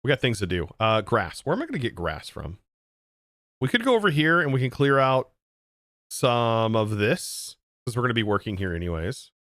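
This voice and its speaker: Casually chatting during a gaming livestream, a man from the United States reacts to his chat in disbelief. He has a mid-range voice with big pitch swings, a moderate pace and a fairly bright tone, recorded dry at studio quality.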